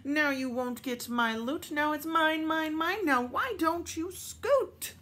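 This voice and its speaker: A woman voicing a greedy, selfish male pug dog from a storybook, shouting in a shrill, possessive way. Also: slow pace, a little hiss or hum, full character voice.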